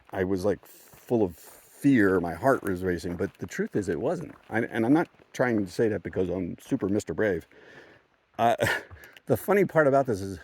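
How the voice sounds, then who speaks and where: Man, low-pitched voice, rambling outdoor hiking vlog, chuckling storyteller, self-correcting. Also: a little mellow, husky. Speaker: thru-hiker vlogger. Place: outdoors on a mountain trail.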